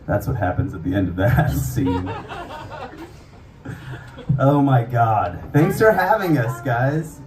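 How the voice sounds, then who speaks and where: A man's voice: medium pitch, sing-song, moderate pace, few pauses. A man, a musician, improvising sung lines and joking with the crowd in a playful, freewheeling way at a live venue. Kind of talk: improvised singing and stage banter. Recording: echoey live venue from far off. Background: loud live guitar.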